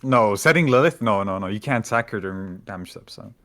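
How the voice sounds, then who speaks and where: A man bantering over a card game as the other player, teasing and mumbling quiet asides. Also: on the low side, animated, brisk. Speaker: co-host and opponent. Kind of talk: casual gaming banter.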